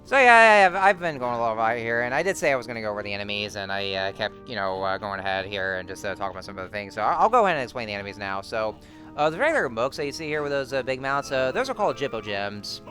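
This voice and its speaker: A man's voice: medium pitch, lively intonation, very fast, pushed and bright, soft background music. A man giving casual, rambling game commentary full of fillers and restarts. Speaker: let's-play host.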